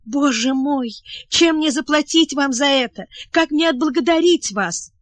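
Anxious young princess, high voice, pleading questions, read by a woman. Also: measured pace, dry recording. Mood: excited.

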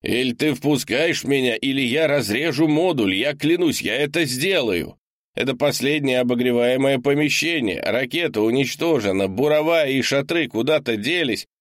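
A man voicing a desperate, freezing male geologist who is shouting and pleading to be let in, in an audiobook. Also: medium pitch, expressive, normal speed, no room sound, studio quality, voice pushed up, natural voice.

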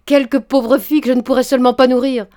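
A woman's voice: sits high, flat delivery, fast talker, a little mellow, voice pushed up, lightly acted. A woman reading a story aloud, voicing a poor, proud young man who exclaims indignantly. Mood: agitated. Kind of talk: audiobook reading.

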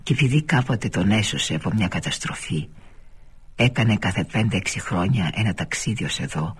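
Male literary narrator, low husky voice, deliberate storytelling delivery. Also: lively intonation. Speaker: reader of a novel.

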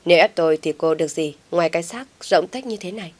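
A woman voicing a blunt young man who speaks firmly and flatly to a pleading woman, in a read-aloud story. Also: lowish voice, fast talker, natural voice. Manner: blunt and firm.

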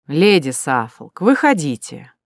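Woman reading as threatening leering male bandits, audiobook, louder and pushier, dry close sound. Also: low voice, very animated, measured pace, no echo, full character voice. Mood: menacing. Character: menacing adult male bandits.

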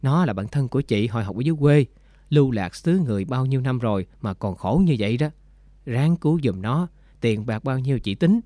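A caring, loyal woman reassures her friend, as a man reads her part. The voice has a middle pitch. It is recorded dry and close for a storybook reading. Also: lively intonation, brisk, mellow, no room sound, close to an everyday voice. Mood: pleading.

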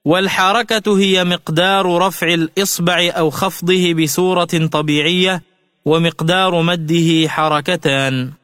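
High-voiced man teaching tajweed on radio. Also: fairly even intonation, fairly bright tone, smooth, dry recording, clean studio sound, big-room sound. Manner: measured explanatory delivery, stretching chanted example words. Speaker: Quran recitation teacher.

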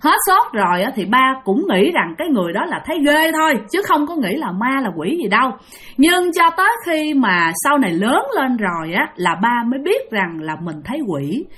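A woman's voice: on the high side, normal speed, husky. A woman telling a ghost story to her listeners, acting out the scenes as she goes. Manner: lively, acts out the scenes and quotes.

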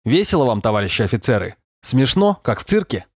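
A man's voice: fairly high pitch, animated, brisk, dry recording, studio quality, voice pushed up. Man doing a raging stout police colonel. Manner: bellowing, sarcastic scolding. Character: furious stout middle-aged male police lieutenant colonel.

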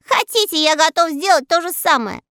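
A woman voicing a boastful, cowardly tiny male forest elf in a storybook reading, with a shrill, wailing manner. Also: expressive, moderate pace, a bit bright, no echo, clean studio sound, exaggerated voice.

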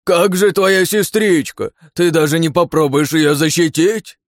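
A man's voice: fairly high pitch, fairly even intonation, unhurried, no echo, clean studio sound, voice pushed up. A man voicing a cruel, mocking red-haired male villain who taunts and gloats in an audiobook. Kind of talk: audiobook character voice.

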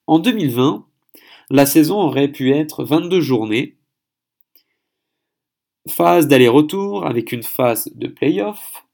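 A man's voice: mid-range voice, vocal fry, darkish tone. A man hosting a solo podcast episode, speaking in a chatty, hesitant way and stumbling over foreign names. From France. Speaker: podcast host.

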